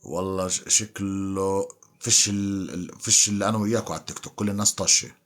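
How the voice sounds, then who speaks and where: A man's voice: deep voice, steady tone, fast, fairly bright tone. A man hosting a casual live stream, bantering with and teasing his viewers. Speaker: livestream host.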